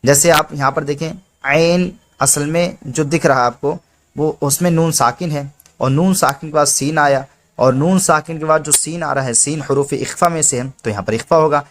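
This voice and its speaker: A man's voice: fairly high pitch, normal speed, a bit bright. A man teaching Quran reading step by step, patiently explaining each rule and drawing out the letter names as he recites them.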